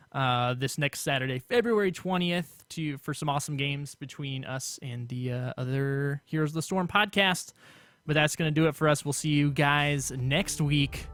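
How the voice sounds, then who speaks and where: Casting: upbeat male host, slightly higher voice, dry close mic. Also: fairly bright tone, dry recording. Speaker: podcast host. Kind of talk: casual podcast chat. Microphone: remote call mic.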